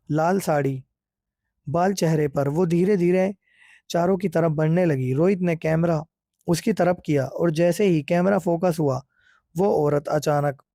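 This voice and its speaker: Guy telling a spooky story, high but mellow voice, dead dry sound. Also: no room sound. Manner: steady, suspenseful storytelling. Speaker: horror storyteller. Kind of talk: scripted horror narration.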